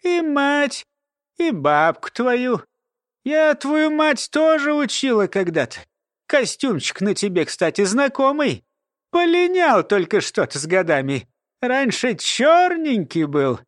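Man doing old nanny woman, sly, mumbling, folksy; high and lively, dry read. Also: takes it slowly, no echo, heavily acted. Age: older.

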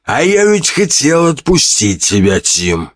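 A man's voice: lowish voice, sing-song, slow pace, no echo, clean studio sound, heavily acted. A man doing a sneering cruel bandit chief. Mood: mocking. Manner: mocking, contemptuous. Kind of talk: audiobook character voice.

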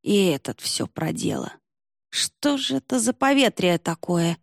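A woman's voice: lowish voice, unhurried, creaky, darkish tone, no room sound, clean studio sound. Woman doing a grumbling old village man.

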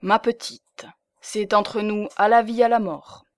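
A woman's voice: mid-range voice, steady tone, slow pace, no echo, close to an everyday voice. A woman reading an audiobook, voicing a bitter, jealous older spinster with an intense, vengeful undertone. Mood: fervent.

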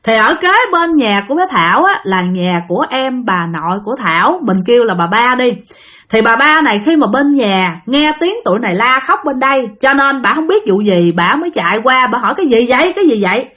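A woman's voice: fairly high pitch, expressive, brisk, bright, forceful tone. A woman with a Southern Vietnamese accent, narrating ghost stories in a chatty way, addressing her listeners directly. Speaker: storyteller. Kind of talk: spoken ghost-story narration.

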